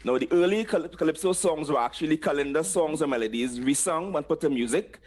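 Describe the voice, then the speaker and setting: A man with a fairly high voice leads a patois lesson on air. He is patient and repeats each word so listeners can say it back. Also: brisk, darkish tone. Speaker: patois teacher. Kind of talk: teaching place names on air.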